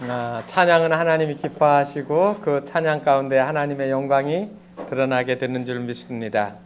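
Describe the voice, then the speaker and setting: A male pastor preaching a Sunday sermon in a church sanctuary, soft-spoken and measured, with frequent pauses. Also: mid-range voice, slight background noise.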